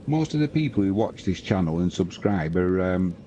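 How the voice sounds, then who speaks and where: Hosting a relaxed football live stream, a British man in his fifties chats slowly and unhurriedly, commenting and reading scores aloud. His voice is deep and warm with lively intonation, while a faint background hiss runs underneath and the highs are cut off.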